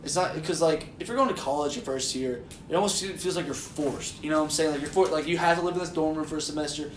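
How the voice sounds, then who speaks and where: A man's voice: a little high, fast talker, distant mic, slight background noise. A young man hosting a podcast among friends, rambling with lots of fillers and laughing often. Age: young adult. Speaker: podcast host. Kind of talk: casual chat among friends. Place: room in a house. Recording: echoey room, voice from off mic.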